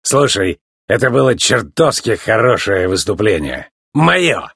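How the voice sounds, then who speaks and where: A man's voice: on the low side, very animated, measured pace, creaky, a bit bright, slightly rough, no echo, studio quality, exaggerated voice. A man voicing a boastful, smug male rival race car in a storybook reading, taunting as he talks.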